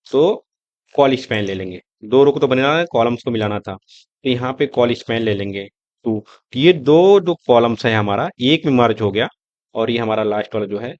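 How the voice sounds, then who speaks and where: A man teaching a screen-recorded coding lesson, talking step by step in a relaxed, conversational way as he types and shows results. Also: mid-range voice, no room sound, muffled recording. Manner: conversational, explaining step by step while typing. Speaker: coding tutor.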